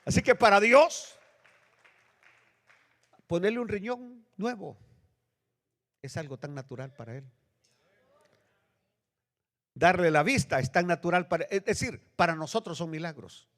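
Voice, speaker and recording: A male pastor preaching a sermon with dramatic swings between loud, high bursts and low, hushed lines. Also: expressive, normal speed, pauses often. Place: church sanctuary. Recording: long reverb of a church hall.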